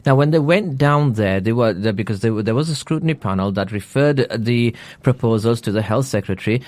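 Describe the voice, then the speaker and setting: A man's voice: medium pitch, animated, a little fast, darkish tone, no echo. A male radio interviewer in a studio, pressing a candidate with repeated questions and many hesitant fillers. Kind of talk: probing political interview.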